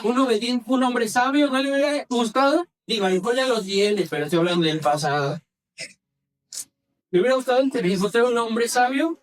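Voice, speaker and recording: A male pastor preaching in church, quizzing the congregation and having them repeat phrases back, moving between brisk and slow, soft delivery. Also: very high-pitched, animated, distant mic. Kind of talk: sermon.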